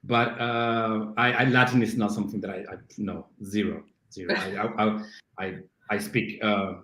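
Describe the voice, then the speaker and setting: A lowish, bright, forceful voice with flat delivery at normal speed belongs to this middle-aged CrossFit coach from Argentina. Natively Spanish-speaking with an Argentine accent, he's a self-deprecating podcast guest full of restarts in a casual interview chat, recorded with roomy echo.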